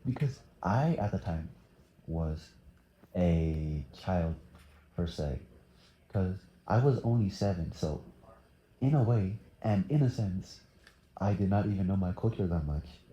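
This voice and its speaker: A man's voice: sits low, lively intonation, measured pace, long pauses, mellow, echoey room, dull audio. A teenage boy from Thailand answering interview questions casually, hesitant with many fillers. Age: teens.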